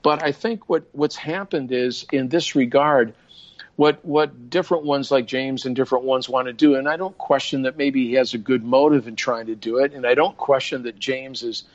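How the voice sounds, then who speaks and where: A man's voice: medium pitch, steady tone. Earnest older preacherly man, dull audio. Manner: earnest, preacherly, quick with many restarts. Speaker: guest minister. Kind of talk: casual podcast conversation. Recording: dull lo-fi sound.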